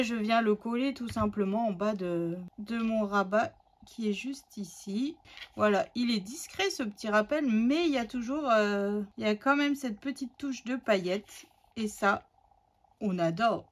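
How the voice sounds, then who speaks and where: A woman's voice: medium pitch, unhurried. A woman hosting a scrapbooking tutorial, chatting casually and thinking aloud as she works, with many fillers.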